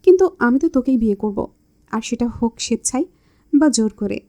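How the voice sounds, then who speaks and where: A woman's voice: fairly high pitch, lively intonation, a little fast, warm tone. A woman voicing a teasing, bossy young man in love, with a smug manner.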